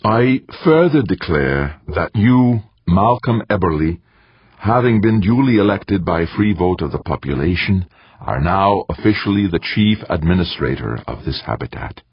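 Reluctant elderly professor, formal and stiff, read by a male narrator; low, husky, lo-fi. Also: big pitch swings, moderate pace, dry recording, heavily acted. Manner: formal declaring. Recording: dull dry lo-fi recording.

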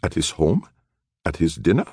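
A man's voice: on the low side, huge pitch swings, brisk, darkish tone, breathy edge, no room sound, clean studio sound, voice pushed up, heavily acted. A man voicing a fussy, evasive bureaucrat who stays overly polite and formal. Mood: reluctant. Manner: prim, hesitant, polite formality.

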